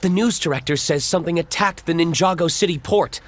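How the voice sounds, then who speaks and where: An audiobook narrator voicing a brisk, pushy woman TV reporter hungry for a scoop. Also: lowish voice, lightly acted. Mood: eager brisk. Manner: brisk, announcer-like. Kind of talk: audiobook character voice.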